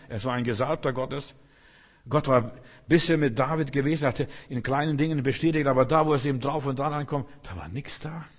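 A man preaching an impassioned sermon, building repeated phrases and swinging between loud rallying and hushed moments. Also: mid-range voice. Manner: impassioned, rising and falling emphasis, repetitive cadence. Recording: long hall reverb.

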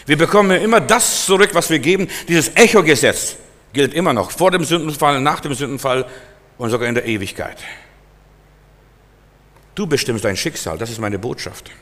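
A male preacher giving a sermon in an emphatic, repetitive way, swinging between loud and soft, recorded in a church hall. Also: a little high, moderate pace. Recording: long hall reverb.

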